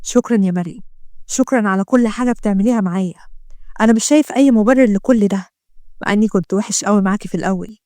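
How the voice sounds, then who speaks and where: A woman's voice: mid-range voice, rapid-fire, dark tone, no echo, natural voice. A woman voicing a young man recovering from depression, speaking in a teasing, casual Egyptian manner. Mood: grateful. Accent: Egyptian Arabic.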